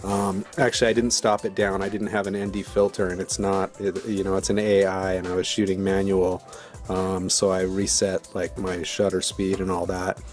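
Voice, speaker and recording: Low, flat-voiced man rambling casually. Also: normal speed, soft background music. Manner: relaxed, rambling, many fillers. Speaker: video maker. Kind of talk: casual voice-over commentary.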